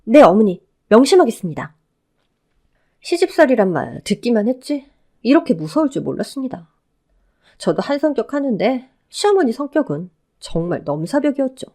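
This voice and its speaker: A young bride telling her own story, read by a woman for a radio drama. Her speech is polite and deferential. Her pitch moves in a lively way. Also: moderate pace. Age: young adult. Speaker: narrator and new daughter-in-law.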